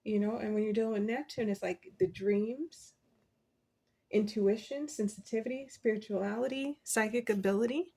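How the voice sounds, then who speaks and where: Chatty tarot lady at her desk, kinda breathy, hypes you up and laughs a lot. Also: fairly high pitch, moderate pace, mellow. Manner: encouraging, chatty, laughs often. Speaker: tarot reader. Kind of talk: casual tarot reading.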